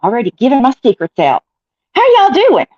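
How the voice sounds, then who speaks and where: A woman speaking through a voice changer that morphs her voice higher, a guest on a live-streamed panel who talks loudly and teasingly. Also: huge pitch swings, a little fast, no echo, lo-fi sound. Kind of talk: casual chat.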